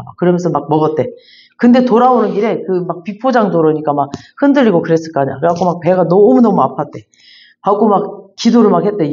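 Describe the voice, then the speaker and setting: Woman pastor telling a lively sermon story. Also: mid-range voice. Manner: animated, chatty storytelling with repeated fillers. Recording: dull lo-fi recording.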